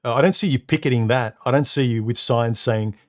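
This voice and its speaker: On a studio microphone at home, a live stream host with a deep, somewhat muffled voice works through viewers' comments. He speaks loosely and hesitantly, frequently repeating words before finding his sentence and filling gaps with "uh" and "um."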